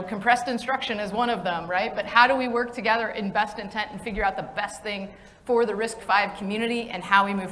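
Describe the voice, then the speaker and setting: A woman's voice: medium pitch, a bit bright. A woman hosting a conference breakfast, upbeat and friendly, with fillers and restarts. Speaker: event host and facilitator. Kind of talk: welcoming talk to a breakfast audience. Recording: long hall reverb.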